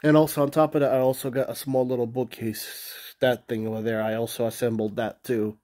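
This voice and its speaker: Nasal and sniffly from a cold, a vlogger films his small, cluttered bedroom on a handheld phone and rambles off the cuff. His medium-pitched, dark voice runs a little fast and flat, full of restarts and fillers before a polite sign-off.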